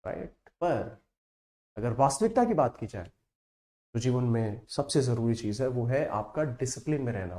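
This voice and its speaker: A man teaching vocabulary in a slightly high, mellow voice. He explains slowly and keeps asking "right?" and "correct?" to check that his students follow. The sound comes from an echoey room. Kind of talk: Hindi-English online lesson.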